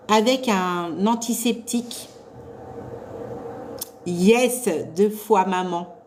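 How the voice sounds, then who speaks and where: Loud-voiced woman teaching live. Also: fairly high pitch, a little hiss or hum. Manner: loud, carrying voice, chatty and encouraging. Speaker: nursing assistant trainer. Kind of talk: live online revision class.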